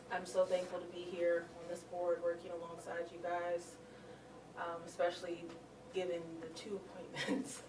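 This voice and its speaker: A woman's voice: fairly low pitch, noisy background. A woman board member giving heartfelt remarks at a school board meeting, close to tears. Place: meeting room. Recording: echoey room mic from far off.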